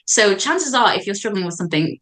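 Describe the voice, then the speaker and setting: A woman's voice: mid-range voice, lively intonation, fairly quick, fairly bright tone. A young woman from Zambia, a doctor guesting on a podcast, talking in an earnest, encouraging and reflective way with frequent "um"s and "like"s. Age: young adult. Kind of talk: casual podcast conversation.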